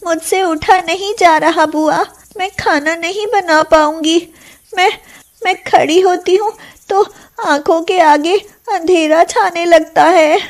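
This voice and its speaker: A woman voicing a gentle, timid young orphan girl in a cartoon, speaking softly and earnestly. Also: very high voice, fairly even intonation, slow, heavily acted.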